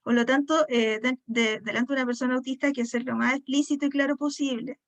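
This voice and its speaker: Lady psychologist teaching a class, high voice, acts out bits of dialogue, keeps asking "ya?". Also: fairly even intonation, quick pace. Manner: acts out quoted dialogue with jumps in pitch; repeats key points and checks in with "¿ya?". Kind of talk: lecture with acted-out examples.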